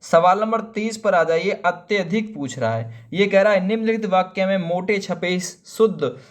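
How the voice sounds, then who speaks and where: A man's voice: high-pitched, normal speed. A man teaching a spelling lesson for exam preparation, asking rhetorical questions, drawing out words letter by letter and calling viewers friend. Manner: explains each option, asks rhetorical questions; familiar, calls viewers friend and brother.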